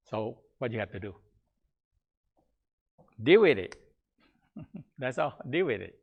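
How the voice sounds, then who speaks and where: A man leading a Taoist breathing exercise and teaching, calm and repetitive, often trailing off softly at the ends of phrases. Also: medium pitch. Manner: slow, calm, repetitive, chanting phrases in a dropping soft voice. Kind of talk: guided breathing exercise instruction.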